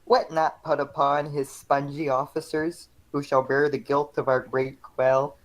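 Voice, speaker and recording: Scheming noblewoman, read by a woman, low-pitched, slow, flat amateur delivery. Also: low-quality recording. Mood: urging. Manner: flat, halting read-through of the lines. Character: scheming noblewoman urging her husband on. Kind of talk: amateur reading of a classic play.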